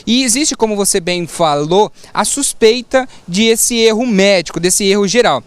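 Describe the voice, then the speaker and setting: High-voiced Brazilian male reporter, crisp. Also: dry recording. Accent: Brazilian Portuguese. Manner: brisk, matter-of-fact reporting with occasional stumbles. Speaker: field reporter. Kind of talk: live news report.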